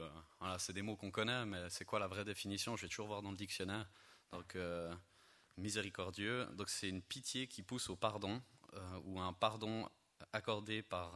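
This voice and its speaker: A man with a low-pitched yet bright, forward voice leads an informal Bible study, stumbling through fillers and self-corrections. His talk is chatty and self-deprecating, stopping often to restart his sentences. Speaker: lay preacher introducing a Bible study theme.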